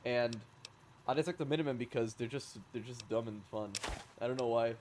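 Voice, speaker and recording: A man's voice: medium pitch, fairly quick. Rambling male game streamer, noisy audio. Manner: rambling, self-correcting, sarcastic asides. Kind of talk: casual gameplay commentary.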